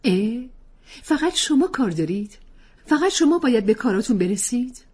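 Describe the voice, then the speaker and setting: A woman's voice: mid-range voice, expressive, slightly rough, voice pushed up. A woman reading a story aloud, voicing a frustrated mother and actress arguing with her husband.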